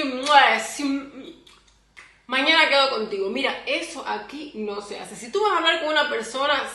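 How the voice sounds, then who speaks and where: A woman's voice: high-pitched, roomy sound. A young Cuban woman with a Cuban Spanish accent giving chatty advice in a vlog, acting out little scenes as she goes. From Cuba. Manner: chatty, animated, acts out little quoted scenes. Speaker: vlogger.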